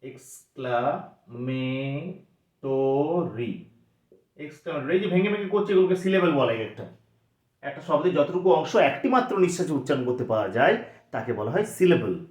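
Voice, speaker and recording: Brisk and sing-song, his slightly high voice has a mellow edge as he takes students through grammar for an exam. He explains each step and asks questions he then answers himself, and the recording is echoey, dull and lo-fi.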